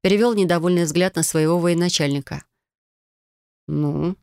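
A woman narrating a first-person audiobook with a lively, ironic storytelling manner. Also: low-pitched, a little fast, no echo, studio quality.

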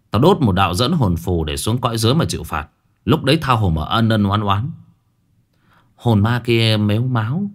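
A man with a lowish voice tells a ghost story. His delivery is lively and swings widely in pitch, dramatic but grounded.

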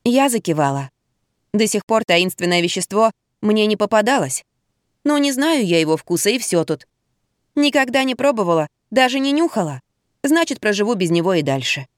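Woman reading a first-person audiobook, lively, goes up high on her own lines, dry close mic. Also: normal speed, dry recording. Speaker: audiobook narrator.

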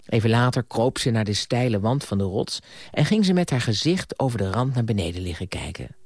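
A man narrating an audiobook in an expressive storytelling manner. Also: medium pitch, fairly quick, dry recording, clean studio sound.

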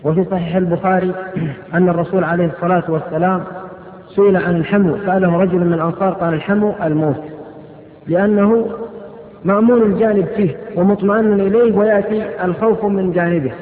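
A high-voiced man preaching at a religious question-and-answer lecture. He reads each question out and answers it with quick, firm rulings, talking fast. The sound is thin and phone-like, with a long echo from a large hall. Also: fairly even intonation. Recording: echoey hall on tinny phone-band audio.

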